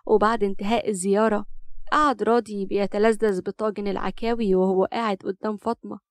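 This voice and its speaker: A woman with an Upper Egyptian accent narrating an audio story in a brisk storytelling way. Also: mid-range voice, level tone, dry recording, clean studio sound. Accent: Upper Egyptian Arabic.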